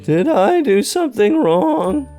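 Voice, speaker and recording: A man's voice: very high voice, very animated, slow, mellow, soft background music, voice pushed up, full character voice. A man voicing a flustered, rambling young homeowner in a comically pleading put-on voice. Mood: pleading, nervous.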